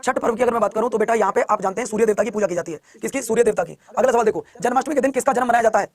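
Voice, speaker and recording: A man with a strikingly high voice teaches a live online exam class at a breakneck clip. He rattles off each question several times and keeps coaxing his students to answer quickly. His carries a flavor. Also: no echo. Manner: rapid, repeats questions, coaxes students to answer.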